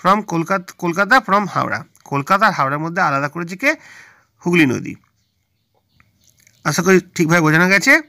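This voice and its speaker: High, gravelly bengali guy walking kids through english homework, asks and answers himself. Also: lively intonation, normal speed, pauses often, bright, forceful tone. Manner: patient, asks and answers his own questions. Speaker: teacher. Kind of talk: explaining a primary-school English workbook.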